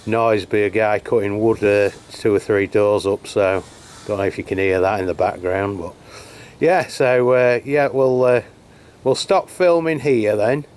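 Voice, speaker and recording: This man's voice is fairly low and smooth. Out on a rainy hilltop testing CB radios for his channel, he holds a handheld radio while a camera mic captures his relaxed, hesitant chat, packed with fillers.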